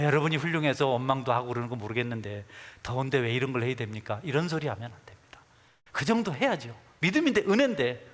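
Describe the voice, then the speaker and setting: A man's voice: fairly high pitch, fairly bright tone. A middle-aged man preaching a sermon as pastor, emphatically exhorting his congregation and calling for amens. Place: church sanctuary. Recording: echoey church hall.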